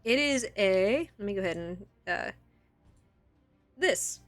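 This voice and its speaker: A woman's voice: medium pitch, animated, slow pace, faint music behind. A woman acting as game master, narrating a tabletop game in a casual way with easy laughs between rules calls.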